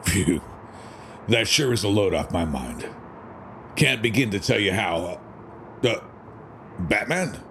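An actor playing a gruff, weary older police commissioner in an audio drama, grumbling in folksy, streetwise slang. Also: male voice, on the low side, animated, slow, pauses often, a bit bright, slight background noise, exaggerated voice. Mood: relieved.

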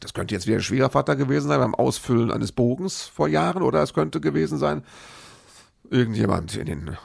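A man's voice: medium pitch, creaky, slightly rough, dry recording, studio quality. A middle-aged man telling a long personal story in a casual, rambling way, with many restarts and asides to the listener.

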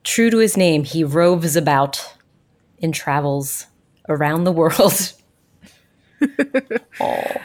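A woman podcast co-host chatting casually while her audio glitches into a robotic sound with jumping pitch, often laughing along. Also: animated, slow, long pauses, darkish tone. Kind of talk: casual chat.

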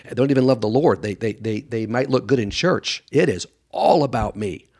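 This man has a medium-pitched, darkish voice at a normal speed. He's a doctor and author appearing as a guest expert on a radio show, answering conversationally in a blunt, emphatic way and acting out what other people say.

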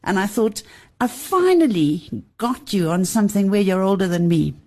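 A woman's voice: medium pitch, animated, normal speed, mellow. A middle-aged woman hosting an interview show, chatting playfully and laughing often. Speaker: podcast host.

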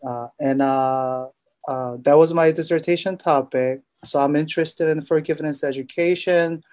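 A middle-aged man from Korea with a Korean accent, a guest in an interview, talking hesitantly with many filler pauses. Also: fairly high pitch, steady tone, a little mellow. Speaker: guest, forgiveness researcher and professor. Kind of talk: interview conversation.

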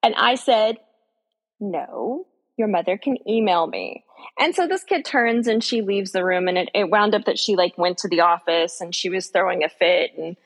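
A woman podcast host and teacher, chatting casually and telling stories with animated, exasperated pitch jumps. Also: brisk, hardly any pauses, big-room sound. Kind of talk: casual chat.

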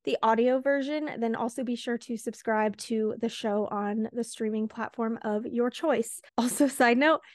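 A woman's voice: a little high, steady tone, a little mellow, dry recording, studio quality. Breathless, chatty woman podcast host. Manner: chatty, quick, laughs between words. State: a little out of breath. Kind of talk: casual solo podcast chat.

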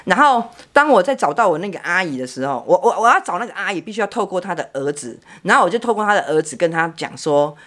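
Middle-aged taiwanese mandarin lady, blunt storyteller, kinda low voice, stumbles over words. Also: big pitch swings, fast talker, hardly any pauses, a bit bright. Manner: frank, blunt, swears and repeats words. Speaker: podcast guest. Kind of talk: personal storytelling chat.

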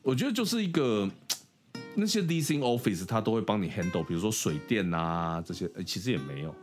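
A man's voice: on the low side, brisk. A young man from Taiwan co-hosting a podcast, chatting casually and laughing often. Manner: laughs often, lively storytelling. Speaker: podcast co-host. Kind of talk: casual chat. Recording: faint guitar music behind.

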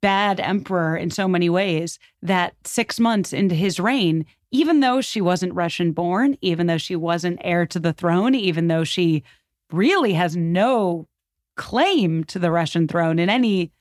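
In this dry, studio-quality clip, a podcast guest with a lowish voice talks at a measured pace. She goes on at length, emphatic and rambling, like someone telling a tale from history in conversation.

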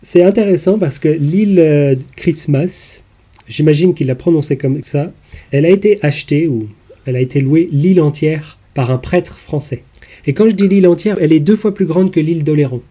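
Male podcast host, husky and deep-toned, teasing explainer, dull lo-fi sound. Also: normal speed, warm tone. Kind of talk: casual chat.

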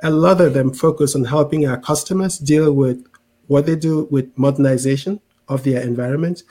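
A middle-aged man from Cameroon with a mixed international accent speaks in a mellow, fairly high voice. He explains his points patiently as an interview guest, often repeating words and checking in with "right?". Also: normal speed. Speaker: interview guest, tech executive. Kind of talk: conversational explanation.

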